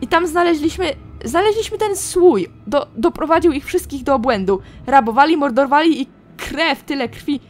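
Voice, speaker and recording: A woman reading a frantic madwoman from a fantasy game who pleads and raves, with a shrill, loud voice. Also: expressive, normal speed, hardly any pauses, soft background music. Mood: raving. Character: frantic madwoman clutching a cursed jar.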